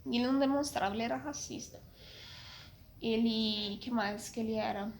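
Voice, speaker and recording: A young woman vlogger with a Brazilian Portuguese accent speaks at normal speed in an on-the-high-side, slightly mellow voice, casually telling a personal story to camera. She's frank, hesitant, full of restarts, and coughs slightly, over a little hiss or hum.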